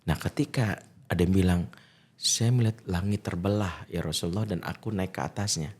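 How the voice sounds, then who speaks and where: A middle-aged man, a preacher, giving a lively talk on parenting and quoting Arabic verses. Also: brisk, slightly rough. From Indonesia. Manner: animated, swings to high emphatic pitch, quotes Arabic verses. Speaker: Islamic preacher, podcast guest. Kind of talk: casual religious talk on parenting.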